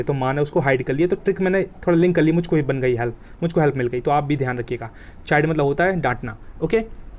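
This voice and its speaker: Fast-talking vocabulary teacher, man. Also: fairly high pitch, a little mellow. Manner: colloquial, joking, emphatic with vivid examples. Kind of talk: exam coaching lesson.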